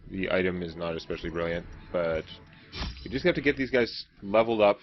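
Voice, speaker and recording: A man's voice: sits low, expressive, a little fast, dull audio, a little hiss or hum. A man giving casual gameplay commentary as a let's play host, chatty and self-mocking as he thinks aloud. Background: game music.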